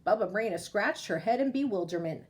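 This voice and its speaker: This woman storyteller brings a children's picture book to life, talking animatedly straight to the little ones listening. She has a medium pitch and reads fairly quickly.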